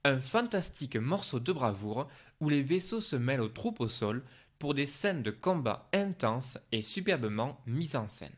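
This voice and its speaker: A man's voice: medium pitch, very animated, normal speed. A man reading a scripted film review as a voice-over narration.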